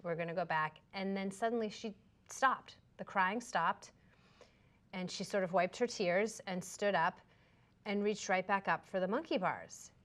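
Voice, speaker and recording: A woman who works as a craniosacral therapist, telling a story in a calm, reflective way during a casual conversation. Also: medium pitch, unhurried.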